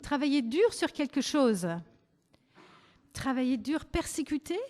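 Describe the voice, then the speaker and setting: A woman with a German accent leading a church service, speaking gently and hesitantly with frequent pauses and self-corrections. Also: high voice, lively intonation. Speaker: service leader. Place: church hall. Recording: long church-hall reverb.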